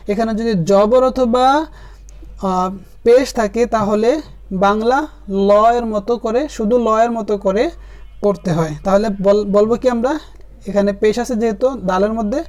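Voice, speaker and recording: A man's voice: high voice, darkish tone. Patient man spelling out Quran lessons. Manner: spells letters and vowel marks slowly, then stretches the words long; patient, addresses the viewer directly. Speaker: Quran reading teacher.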